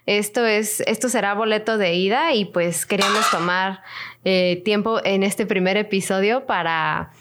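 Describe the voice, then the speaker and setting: A Mexican woman in her late twenties, speaking with a Mexican Spanish accent. She co-hosts a podcast in loose, casual chat, circling her point with fillers and restarts, at a middling pitch for a woman. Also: moderate pace, heavy background noise. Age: 20s. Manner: rambling, many fillers and restarts. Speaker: podcast co-host.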